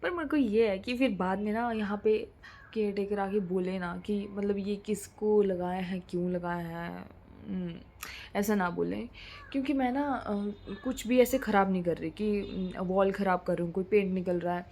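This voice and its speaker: A woman's voice: medium pitch, normal speed, darkish tone, a little hiss or hum. Chatty young woman vlogging. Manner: chatty, mixing English into Hindi, drops to a near whisper at times. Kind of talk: casual chat to camera.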